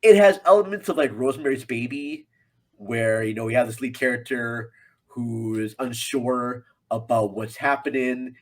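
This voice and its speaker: In a casual talk about films, a guest reviewer with a medium-pitched voice speaks haltingly, repeating himself to emphasise his points.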